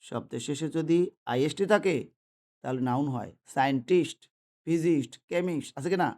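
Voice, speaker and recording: A man's voice: a little high, moderate pace, darkish tone. A man teaching an English grammar lesson, listing example words and asking his listeners if they follow. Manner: asks the listeners rhetorical questions and repeats example words. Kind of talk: classroom-style grammar lesson.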